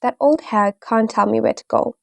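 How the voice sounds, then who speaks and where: A woman voicing a brash, bossy little boy who talks in a gruff, dismissive, blunt way in a read-aloud story. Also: fairly high pitch, moderate pace, no echo.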